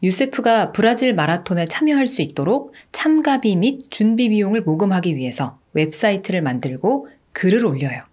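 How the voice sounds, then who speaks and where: A woman telling a true-crime story with a lively, rising-and-falling pitch and a chatty manner. She keeps turning to the listeners with rhetorical questions as she narrates. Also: moderate pace, hardly any pauses.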